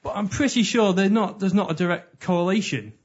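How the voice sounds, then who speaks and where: A man's voice: high-pitched, brisk, slightly rough. A man co-hosting a podcast in casual comedic chat, reading out quotes with dry asides. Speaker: podcast co-host. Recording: muffled lo-fi podcast audio.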